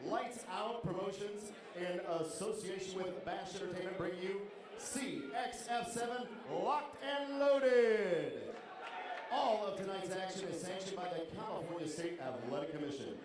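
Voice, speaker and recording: A man working as a ring announcer at a live fight night, with a formal, showy, drawn-out delivery. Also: high voice. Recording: roomy echoing hall, distant, noisy.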